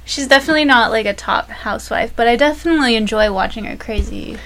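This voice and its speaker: A woman co-hosting a casual reality TV recap, enthusiastic and quick to laugh. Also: on the high side, fairly bright tone. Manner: giggly, enthusiastic, laughs often. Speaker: podcast co-host.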